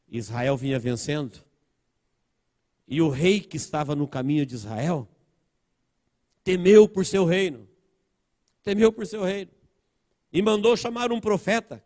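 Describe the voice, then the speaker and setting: A Brazilian man preaching a sermon as pastor, with a Brazilian Portuguese accent, repeating phrases and swinging between soft and loud. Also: medium pitch. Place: church sanctuary. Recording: church hall reverb.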